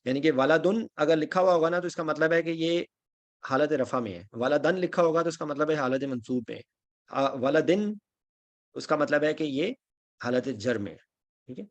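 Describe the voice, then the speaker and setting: A man's voice: a little high, normal speed, muffled recording. A man teaching an online Quran grammar class, patiently explaining and reciting lists of Arabic word forms, checking in with his students often. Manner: patient, repeats "theek hai?" to check understanding.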